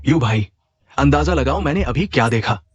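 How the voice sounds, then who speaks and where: A man's voice: mid-range voice, expressive, moderate pace, husky, dry recording, highs cut off, faint music behind. An actor in a dubbed short drama playing an arrogant young male student who boasts and schemes. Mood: scheming.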